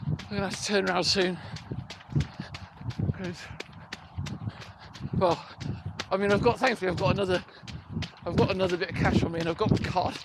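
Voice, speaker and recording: High-voiced British man talking while running outdoors. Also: fairly even intonation, moderate pace, long pauses. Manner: hesitant, rambling, thinking aloud. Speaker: running vlogger. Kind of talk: casual unscripted vlog chat. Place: outdoors on a rural riverside footpath. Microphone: handheld phone or recorder on the move. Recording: noisy outdoor handheld recording, clicks.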